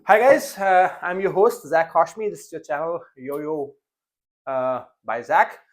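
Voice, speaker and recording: Here a young male podcast host talks at a measured pace in a fairly high voice. The interview format is casual, and he keeps hesitating, using many fillers and restarting often.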